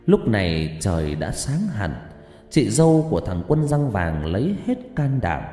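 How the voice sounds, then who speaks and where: A man narrating a ghost story in an expressive, dramatic way, recorded in an echoey room. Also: lowish voice, a little slow, faint music behind. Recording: echoey room with long reverb.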